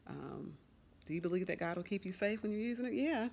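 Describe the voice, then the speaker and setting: A woman's voice: medium pitch, lively intonation, brisk, gravelly, a little mellow, slightly rough. A young woman chatting casually to her camera at home for a family vlog, upbeat and rambling with fillers. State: out of breath. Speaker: family vlogger. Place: at home indoors.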